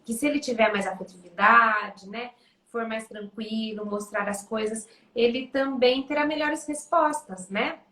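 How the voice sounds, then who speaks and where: A woman with a Brazilian accent and a fairly high voice talks in a gentle, explanatory way, often checking in with "né?". Her voice rings in an echoey room. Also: unhurried. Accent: Brazilian Portuguese. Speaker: music educator host. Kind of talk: casual conversation.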